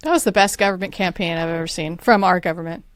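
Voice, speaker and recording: A woman's voice: fairly low pitch, fast talker, dry recording, clean studio sound. A woman hosting a podcast, giving short reactions, laughing along and asking the guest questions. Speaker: podcast host. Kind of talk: casual interview talk.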